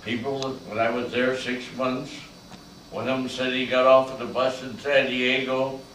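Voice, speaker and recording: An older man, a veteran, performing a slow, emotional spoken-word monologue that swells to loud peaks on key lines. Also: mid-range voice, little pitch movement, a little hiss or hum. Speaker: Vietnam veteran storyteller. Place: large echoey college room. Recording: echoey room from far off.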